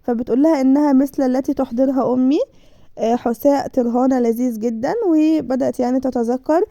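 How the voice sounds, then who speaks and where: A woman's voice: sits high, fairly even intonation, quick pace, mellow, no room sound. A woman with an Egyptian Arabic accent recapping a TV series episode in casual storytelling, with constant she-said tags. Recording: dull dry lo-fi recording.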